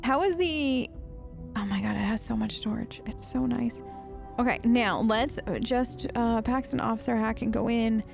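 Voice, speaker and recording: A woman's voice: on the high side, normal speed, gravelly, a little mellow, soft background music. A woman hosting a gaming video, chatting casually and playfully and talking back to game characters. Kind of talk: casual gameplay commentary.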